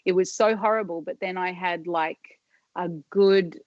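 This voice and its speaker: A middle-aged woman, guesting on a podcast, tells stories from her life in casual interview style, rambling and cutting herself off with lots of fillers. Her voice is fairly low and steady, a little slow, and the recording sounds dry and dull.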